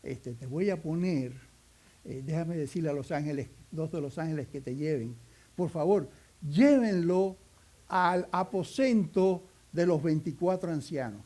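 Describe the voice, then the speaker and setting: A Cuban man playing a calm, welcoming male archangel at heaven's gate, speaking in an unhurried, reassuring manner. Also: fairly high pitch. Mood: soothing.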